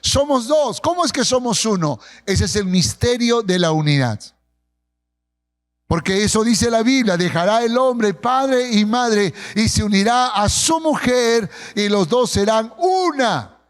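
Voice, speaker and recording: A Peruvian pastor preaches to his congregation in a fairly high voice for a man. He tells stories and slows right down on the lines he wants to stress. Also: lively intonation. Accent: Peruvian Spanish. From Peru. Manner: storytelling with acted quotes, slowing for emphasis. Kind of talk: sermon. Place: church.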